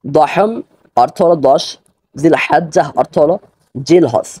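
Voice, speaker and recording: A man with a Bangladeshi Bengali accent teaching an online language lesson, speaking slowly and carefully and repeating each pronunciation. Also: a little high, a little mellow, husky, no room sound.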